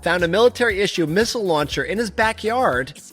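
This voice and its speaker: A man's voice: high-pitched, lively intonation, a little fast, fairly bright tone, faint music behind. A man co-hosting a live comedy stream, rambling and chuckling as he reads odd news aloud. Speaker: podcast co-host. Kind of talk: casual live-stream chat.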